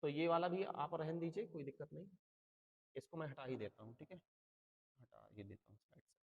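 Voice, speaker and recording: A man's voice: fairly high pitch, expressive, a little fast, vocal fry, phone-quality sound. A male teacher giving an exam-prep lecture, calling his students "beta" and repeating key terms over and over. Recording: long hall reverb.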